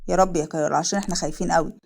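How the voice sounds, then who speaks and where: A man's voice: fairly high pitch, steady tone, very fast, gravelly, darkish tone, pitched below the performer's own voice. A woman voicing a worried young man who fears for his sister, speaking in Egyptian Arabic. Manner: subdued, worried.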